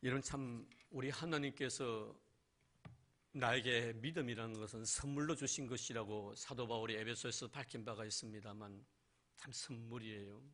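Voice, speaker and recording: A man's voice: medium pitch, steady tone, moderate pace, a bit bright. A male pastor preaching a sermon in church, asking rhetorical questions and addressing the congregation directly.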